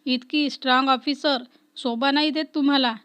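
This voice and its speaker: A woman's voice: high-pitched, fairly even intonation, normal speed, a bit bright. Woman voicing a caring, emotional young woman. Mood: teasing.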